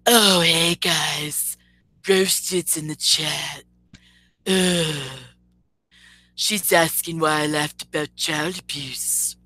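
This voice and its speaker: A woman's voice: sits low, steady tone, extremely slow, bright, forceful tone, no echo, pitched below the performer's own voice, exaggerated voice. A woman mimicking a smug sneering man. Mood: mocking. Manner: sneering, mocking. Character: mocked smug young man dismissing critics.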